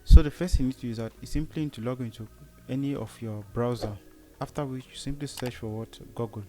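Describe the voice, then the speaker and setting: A tutorial host with a Cameroonian accent guides viewers through a screen tutorial step by step, answering his own short rhetorical questions. His medium-pitched voice is warm and a little fast, set over soft background music.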